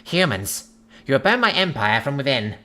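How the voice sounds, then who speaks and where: A man's voice: mid-range voice, sing-song, moderate pace, sharp tone, voice pushed up. A man voicing a weary, defeated male alien ruler who speaks formally, solemn and pleading. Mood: weary, grave.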